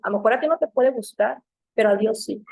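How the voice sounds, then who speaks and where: A middle-aged woman from Mexico, teaching a church Bible class in a lively storytelling manner and acting out the voices she quotes. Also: a little high, fast, gravelly, breathy edge, no room sound.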